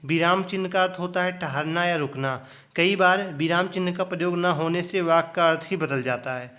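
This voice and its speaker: A man's voice: high voice, normal speed, fairly bright tone. A young male teacher giving an exam revision lecture, putting questions to the students and then answering them himself. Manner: asks students rhetorical check questions.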